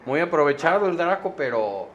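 A man's voice: on the high side, big pitch swings, normal speed, highs cut off. A man with a Mexican Spanish accent co-hosting a podcast. He chats casually, throws in joking asides and tags his lines with questions. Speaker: podcast co-host. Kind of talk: casual chat.

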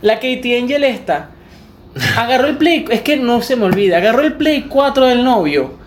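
A woman's voice: on the high side, lively intonation, normal speed, background noise. Give me a Venezuelan woman in casual podcast chat, storytelling with acted-out quotes. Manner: chatty storyteller, acts out quotes. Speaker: podcast co-host.

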